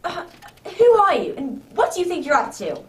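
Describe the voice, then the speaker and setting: A woman playing a flustered, good-hearted gentleman doctor in a radio drama, blustering in an old-fashioned way. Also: high voice, huge pitch swings, moderate pace, full character voice. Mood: indignant, alarmed. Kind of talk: amateur radio drama acting. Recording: noisy room, distant mic.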